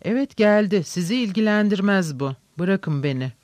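A pale sickly servant, mocking and quietly scornful, dry close voice, read by a man, story reading. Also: high-pitched, expressive, moderate pace, no echo. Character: sickly sneering former male servant, contemptuous.

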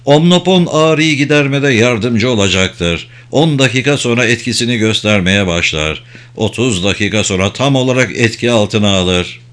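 Man reading a calm, clinical woman doctor. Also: medium pitch, moderate pace, lightly acted. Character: calm female doctor, matter-of-fact.

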